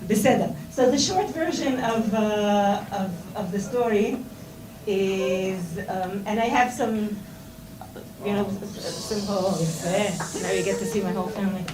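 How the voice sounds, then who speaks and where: A seminar speaker, a middle-aged Israeli woman, talks informally to students in a mid-range voice at a measured pace. Her Hebrew-accented English is full of fillers and restarts. The recording is noisy, roomy and distant.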